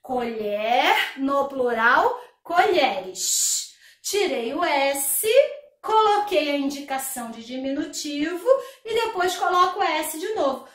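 Lady teacher going slow over grammar, kinda far from the mic, echoey room. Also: high voice, a bit bright. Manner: explains step by step, asks the class rhetorical questions. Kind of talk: grammar lesson.

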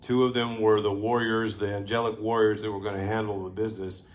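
Lively middle-aged man teaching a Bible lesson. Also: lowish voice, fairly quick. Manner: conversational, with restarts, lively emphasis and laughs. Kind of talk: Bible lesson to a live group.

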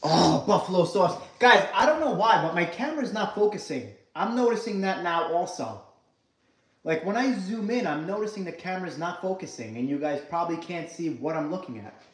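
This livestream host is a young Hungarian man chatting casually with viewers while filming on a phone held at arm's length inside a house under renovation. His voice sits high and sounds animated and brisk. He reads viewer comments aloud and keeps saying "guys."

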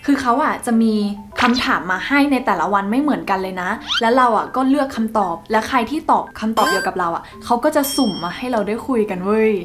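A woman's voice: on the high side, lively intonation, quick pace, few pauses, over music. A young woman in her twenties hosting a casual vlog, chatty and playful, laughing often. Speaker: vlog host.

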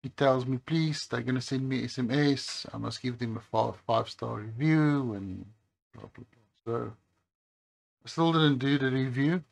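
This phone repair host has a deep, creaky voice and chats casually while fixing things at a bench near a highway. He talks slowly, pausing and hesitating throughout.

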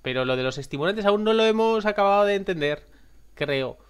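A man with a Spain accent giving playful, casual commentary as he opens game loot chests, coaxing the viewer to concentrate and bursting out excitedly. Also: sits high, brisk, clean tone. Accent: Spanish from Spain. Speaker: gaming content creator.

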